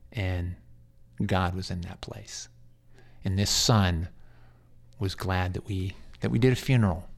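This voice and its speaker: A man, a hospice chaplain, telling a long story in an earnest, rambling way, repeating words as he goes. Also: low voice. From United States. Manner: earnest and pastoral. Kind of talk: storytelling in a faith interview.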